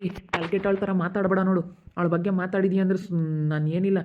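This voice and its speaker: A woman's voice: fairly low pitch, level tone, brisk, background noise, natural voice. A woman playing a protective young husband who scolds and threatens his sister. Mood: angry. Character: young married man, protective and hot-tempered. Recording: tinny phone-like audio.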